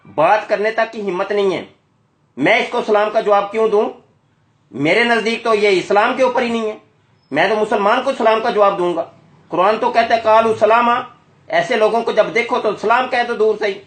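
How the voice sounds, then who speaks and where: Male live polemical host, high voice, combative and emphatic, echoey recording. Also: fairly bright tone. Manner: confrontational, accusatory, emphatic. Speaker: YouTube channel host making a live call. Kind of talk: polemical live commentary to listeners. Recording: echoey, roomy sound.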